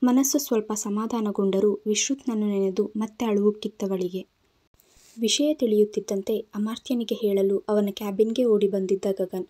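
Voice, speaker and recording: Woman narrator, scripted storybook reading, mellow tone. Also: mid-range voice, steady tone, moderate pace.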